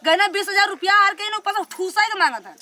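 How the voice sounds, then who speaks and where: A woman's voice: fast talker, sharp tone. A woman with an Awadhi accent playing an exasperated village wife who nags and scolds in a comedy skit. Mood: angry scolding. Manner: shrill, nagging, combative complaining.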